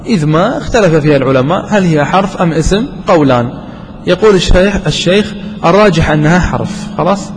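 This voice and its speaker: A man's voice: on the high side, lively intonation. Male teacher quizzing students. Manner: quizzes students, repeats examples slowly. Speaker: grammar teacher. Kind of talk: classroom grammar lesson. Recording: long hall reverb, faint background noise.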